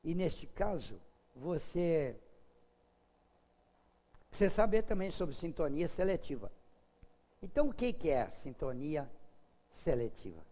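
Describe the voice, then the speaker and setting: A man's voice: very animated, a little slow, long pauses, mellow, big-room sound. An older man from Brazil giving a casual spiritist lecture, chatty and humorous, with asides to his audience. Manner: acts out quoted voices in a high pitch.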